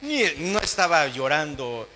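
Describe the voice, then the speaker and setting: A young man from Latin America preaching a sermon in church, swinging from emphatic peaks down to low, intimate asides. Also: very animated, normal speed, bright, forceful tone, slight background noise. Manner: impassioned, rising to emphatic peaks then dropping low and intimate.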